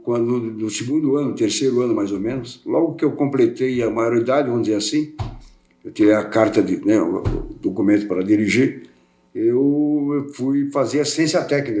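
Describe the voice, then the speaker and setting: A man's voice: medium pitch, mellow. An older man from Portugal raised in Brazil, chatting as a podcast guest in a rambling way, repeating and restarting words. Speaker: podcast guest, welding specialist. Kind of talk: casual interview chat. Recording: roomy echo.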